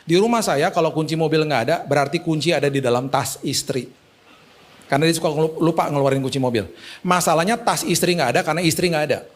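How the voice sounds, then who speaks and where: A male pastor with a fairly high voice, preaching in a relaxed, story-driven way. He talks like he is chatting with friends, slangy and dropping in English words. It sounds like a conversational sermon. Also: quick pace.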